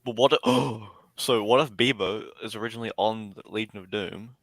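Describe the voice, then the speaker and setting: New Zealand male co-host, low voice, animated and laughing easily. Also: fairly quick, vocal fry, no room sound. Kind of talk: casual livestream chat.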